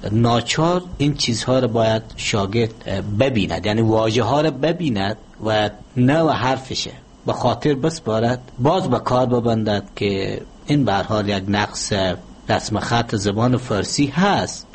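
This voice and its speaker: A man with an Afghan Dari accent, a language expert answering interview questions in a measured, lecturing way with frequent hesitant pauses. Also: lowish voice, slight background noise.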